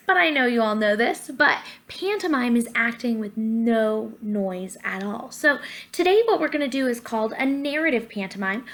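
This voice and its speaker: A young adult woman with a voice on the high side acts as a drama teacher, encouragingly explaining an activity and narrating guided pantomime for children. She records at home in her living room on a webcam or laptop at arm's length, with soft quiet music behind her.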